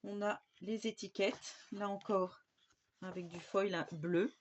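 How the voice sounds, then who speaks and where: A woman from France talks casually through her new craft papers, pausing and restarting often. The sound is slightly dull, with a faint hiss behind it. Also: mid-range voice, steady tone. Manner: chatty, with many fillers and restarts. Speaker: scrapbooking YouTuber. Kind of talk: casual craft haul show-and-tell. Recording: slightly dull home recording with faint background noise.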